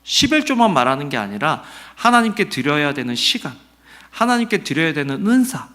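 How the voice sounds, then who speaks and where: Animated middle-aged pastor preaching. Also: male voice, fairly high pitch, normal speed. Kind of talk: Sunday sermon.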